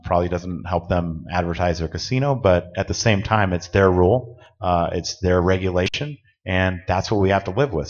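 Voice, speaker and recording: A man's low, deep, darkish voice fills a large hall as he gives a conference talk, instructing the audience on rules in a plain-spoken, direct way. The sound is dull and lo-fi, with lengthy reverb following each phrase.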